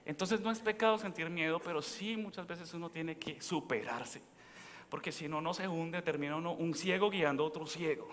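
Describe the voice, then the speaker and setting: A man's voice: fairly high pitch, moderate pace, a bit bright, a little hiss or hum. A man, a priest, giving a sermon in a conversational way, telling stories and asking the congregation questions. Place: large church. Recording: long church reverb.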